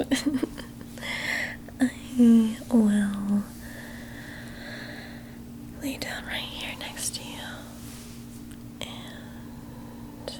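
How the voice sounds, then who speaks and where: A woman doing an ASMR whispered role-play as an affectionate, teasing childhood best friend, in a soft, soothing spa-like whisper meant to relax. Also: high voice, vocal fry, heavily acted.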